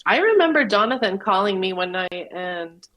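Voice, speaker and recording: A woman singer answering as a guest in a casual radio interview, relaxed and a little halting. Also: medium pitch, poor audio.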